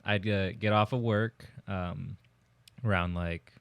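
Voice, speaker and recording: Smooth-voiced young man, low and dry. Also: steady tone, slow, a bit bright, dry recording. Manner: storytelling, laid-back, swears casually. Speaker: podcast co-host. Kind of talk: casual chat. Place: shared house.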